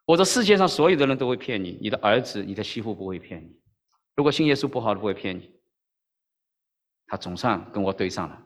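In a big-sounding room, a male pastor with a mid-range voice delivers a story-driven sermon in the style of a Mandarin-speaking church. He's animated, acting out the characters' dialogue and often asking the audience "OK?"

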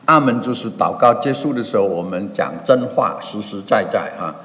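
A man preaching a sermon and explaining scripture, reading verses slowly and dramatically. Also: lowish voice, animated, a bit bright. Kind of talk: sermon with Bible exposition. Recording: long hall reverb.

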